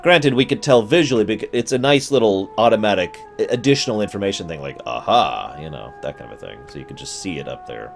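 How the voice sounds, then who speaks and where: Over faint background music, a man with a lowish, creaky voice talks quickly with lively intonation and few pauses. It's casual live commentary on a strategy game for his stream, full of chatter aimed at chat and sudden mock outbursts.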